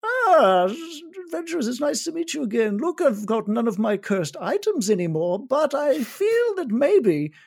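Game master doing a mysterious male cat-folk wanderer, theatrical, grand, higher voice, tabletop game. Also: sing-song, normal speed, gravelly, hardly any pauses, heavily acted. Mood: grandiose. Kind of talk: tabletop game role-play.

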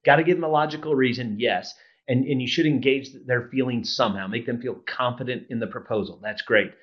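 A man's voice: medium pitch, brisk. Male speaking coach, casual explainer, dull recording. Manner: explains with examples, laughs often. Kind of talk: casual podcast chat.

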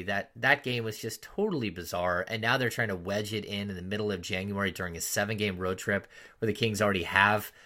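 A man hosting a sports podcast, chatting casually and telling stories with animated, loud quoted voices. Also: on the low side. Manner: animated storytelling, loud voices when quoting fans. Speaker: podcast host, team insider.

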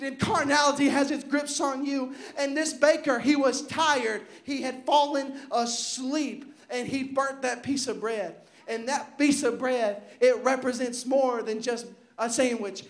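Young male preacher, strikingly high voice, fervent and shouting, voice wearing thin. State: losing his voice. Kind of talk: Pentecostal sermon.

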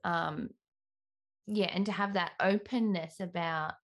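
A woman's voice: on the low side, steady tone, slow. A woman hosting a casual chat, affirming her guest and echoing back what she said. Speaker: podcast host.

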